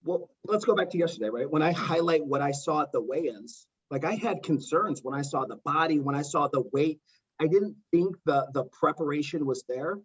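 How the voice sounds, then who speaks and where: A man hosting a podcast, talking in a measured, analytical way with rhetorical questions, on a dull lo-fi mic. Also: on the high side, animated, breathy edge. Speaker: podcast host. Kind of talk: casual podcast chat.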